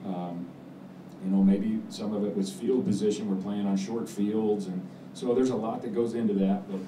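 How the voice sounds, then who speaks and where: Low-voiced man in his forties, football coach at a press table, measured halting answers, roomy distant sound, background noise. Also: steady tone. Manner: measured, halting, many fillers and restarts. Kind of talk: post-game press conference answers. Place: press room with backdrop, indoors. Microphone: table mic on stand.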